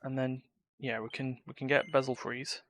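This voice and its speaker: Game music plays while this streamer talks to himself during play, reacting as things happen. His voice is medium in pitch and a bit bright, with little pitch movement and a normal speed.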